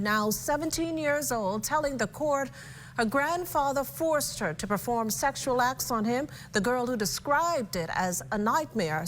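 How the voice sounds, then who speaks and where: A woman's voice: fairly high pitch, a little hiss or hum, poor audio. A woman reading scripted television news as an anchor.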